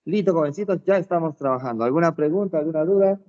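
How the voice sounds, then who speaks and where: A man's voice: on the high side, fast talker, a little mellow, highs cut off. A male teacher giving a classroom lesson, explaining patiently with everyday examples and often checking that students follow.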